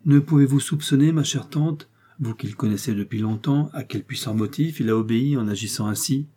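A man reading aloud gives voice to a troubled young nephew who presses hard with questions. His tone is dark and husky, and he sounds grave and insistent, straight from a spoken storybook. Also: medium pitch, brisk, natural voice. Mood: urgent.

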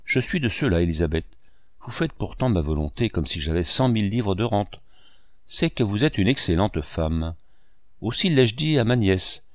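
Guy doing an aging painter in a storybook, wry and wistful, proud under it all, low voice, dry close sound. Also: lively intonation, normal speed, no room sound, lightly acted. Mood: wry musing. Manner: wry musing monologue addressed to a housekeeper.

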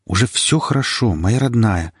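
A man voicing a tender husband rescuing his wife, speaking gently and with urgency. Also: fairly low pitch, expressive, moderate pace, breathy edge, no echo, studio quality. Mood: soothing. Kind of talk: audiobook character voice.

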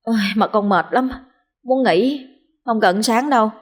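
A woman's voice: on the high side, unhurried, pitched above the performer's own voice. A woman voicing a young man under a ghost's spell who swears oaths and snaps at his mother, in a spoken ghost story. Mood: irritable. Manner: irritable, pleading, rising to panic. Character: young man, sullen and strained, bewitched.

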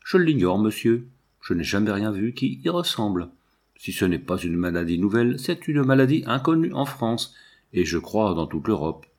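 A man reading a gruff bored old doctor. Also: lowish voice, sing-song, moderate pace, a little mellow. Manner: heavy, indifferent. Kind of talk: audiobook reading.

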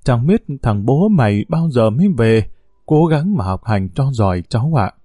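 A man voicing a worried, soft-spoken old grandmother in an audio story. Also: medium pitch, very animated, moderate pace, dry recording, studio quality. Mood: weary.

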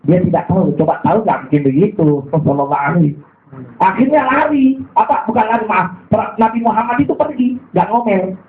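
A man preaching a sermon with a Makassar Indonesian accent, telling stories with lively voiced quotes and humor. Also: sits high, fairly quick. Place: mosque or gathering hall. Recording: echoey hall, thin phone-like sound.

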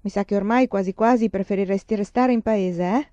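A good-humored pioneer father with a playful, teasing way of talking, as a woman reading the story puts him on. The voice is mellow and soft-edged, and the recording sounds dull and dry, with a muffled top end. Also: mid-range voice, fairly quick, dry recording, lightly acted. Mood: cheerful. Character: cheerful joking pioneer father.

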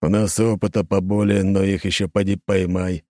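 A man voicing a grudging older male guard captain who reports slowly and plainly in an audiobook. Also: low voice, level tone, a little mellow, no echo, clean studio sound, lightly acted. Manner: slow, grudging, plain-spoken.

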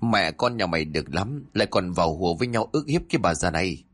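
Scheming old mother-in-law, scolding and grumbling, voiced by a male storyteller, lively pitch swings. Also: quick pace, husky, exaggerated voice. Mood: indignant.

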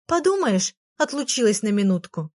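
A woman's voice: on the high side, sing-song, normal speed, darkish tone. Cheeky little fairy girl, as a woman puts her on. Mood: huffy. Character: small cheeky female fairy, proud and fussy.

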